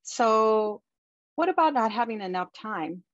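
A woman's voice: a little high, expressive, measured pace, dry recording. A woman presenting slides over a video call, giving practical tips in a conversational way with frequent ums. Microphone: video call webcam. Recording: dull, dry webcam audio.

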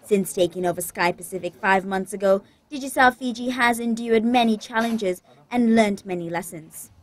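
A woman's voice: medium pitch, normal speed. A woman reading a scripted news report. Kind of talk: scripted narration.

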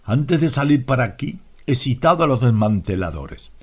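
A man's voice: medium pitch, very animated, moderate pace, darkish tone. A man with a Latin American Spanish accent voicing a stern, suspicious inspector in an audiobook. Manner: curt, disapproving.

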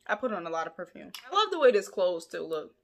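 A woman's voice: lowish voice, fast. A young adult woman, chatting casually and playfully to camera in her vlog. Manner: chatty, animated, playful asides. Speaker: vlogger.

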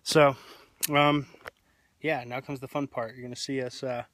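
A family vlog host in his thirties jokes casually while recording himself on a canyon hiking trail, holding the camera at arm's length. He speaks at a normal speed in a level, mid-range voice with a fairly bright tone, and the recording sounds dry.

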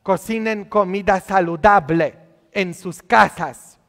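Priest guy preaching in a big echoey church, high voice, slow and gravelly. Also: a bit bright. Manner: scolding, teasing, asks the congregation questions. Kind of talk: sermon.

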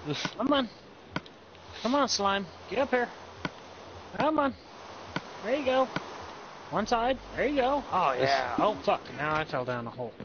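A man plays a game on a live stream and excitably swears at the monsters he taunts. His voice sits high and swings widely in pitch, with slow, drawn-out delivery. The audio is lo-fi and noisy. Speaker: gaming co-streamer. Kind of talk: live gameplay commentary.

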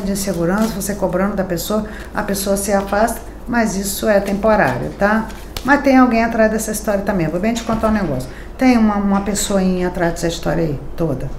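In a small, decorated home studio, a middle-aged Brazilian tarot reader gives a daily horoscope card reading, speaking straight to her viewers. She's chatty and emphatic, with a Brazilian Portuguese accent and frequent tag questions, in a medium-pitched, darkish voice. The room is echoey, with faint ambient noise.

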